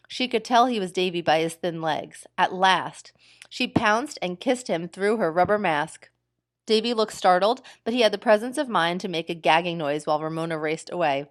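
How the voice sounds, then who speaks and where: A woman teacher reading a children's book aloud with expressive storytelling. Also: lowish voice.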